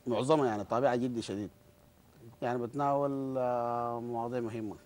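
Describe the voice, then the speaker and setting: A man's voice: mid-range voice, fairly even intonation, fast talker, darkish tone. A man with a Sudanese Arabic accent answering interview questions, often repeating words while he searches for the next thing to say. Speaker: guest.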